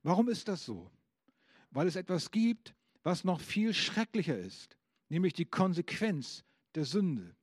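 A man's voice: high-pitched, very animated, unhurried, husky, no echo, studio quality. A man preaching a sermon, asking the congregation questions and reading out scripture with emphasis.

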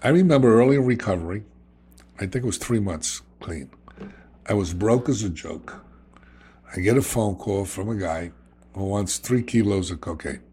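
A man's voice: lowish voice, moderate pace, dark tone, breathy edge. A middle-aged man with a New York accent, telling his recovery story in a blunt, streetwise way, often checking in with "okay?". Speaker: guest sharing recovery story. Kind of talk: candid conversational storytelling.

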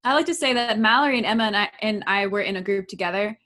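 Wry young woman guest, bright voice. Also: mid-range voice, fast talker. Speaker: podcast guest. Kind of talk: casual chat.

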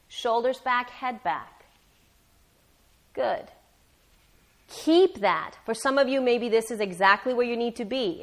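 A woman teaching a live yoga class, guiding step by step in a careful, unhurried and encouraging way. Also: on the high side, fairly bright tone. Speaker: yoga instructor.

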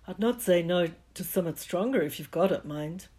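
A woman's voice: on the low side, animated, normal speed, warm tone, close to an everyday voice. Hagrid, a hearty giant, as a woman puts him on. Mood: gruff, hearty. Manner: broad dialect, gruff and hearty. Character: huge rough-spoken kindly male giant.

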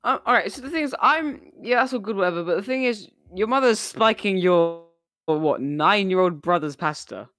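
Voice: mid-range voice, lively intonation, normal speed, fairly bright tone, dry recording. Friend on a voice call, blunt reactions, dry close sound. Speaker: friend listening in a chat. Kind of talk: casual chat over a voice call.

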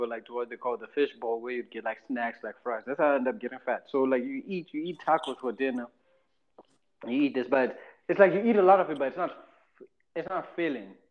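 Fast-talking Zimbabwean man telling stories. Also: mid-range voice, phone-quality sound. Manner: animated, repeats phrases, acts out quoted voices. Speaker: podcast host. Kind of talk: casual storytelling chat.

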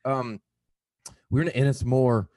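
A man's voice: medium pitch, steady tone, a little slow, darkish tone, no room sound. A man from the American South chatting casually, telling stories animatedly, swearing freely and acting out quotes. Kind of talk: casual chat.

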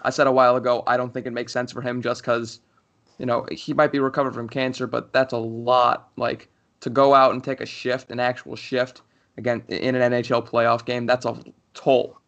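A man's voice: medium pitch, flat delivery, normal speed, a bit bright, highs cut off. A young man co-hosting a hockey podcast, talking in a rambling casual way with many restarts. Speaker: podcast co-host. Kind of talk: casual chat.

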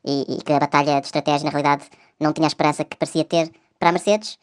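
A man's voice: a little high, level tone, smooth. A man with a European Portuguese accent gives a casual, wry review in a voice message that is played back sped up into a chipmunk voice. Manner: chatty, wry, many fillers. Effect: sped-up chipmunk voice from a fast-played voice message. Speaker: podcast listener sending a voice message.

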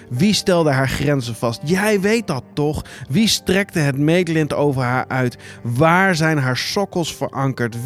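A man voicing God in a Bible retelling, speaking as a vast, stern figure asking measured, solemn questions. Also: mid-range voice, lightly acted.

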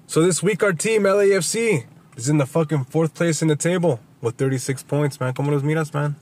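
On a casual sports podcast, a male co-host reads out soccer league results and standings at a fairly quick pace. His voice is fairly high and a little mellow, and he swears often while slipping in Spanish phrases.

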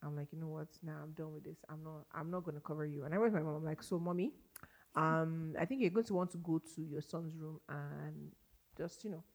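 A woman's voice: sits low, fairly even intonation, brisk. A woman, a podcast guest telling stories in casual chat and laughing often.

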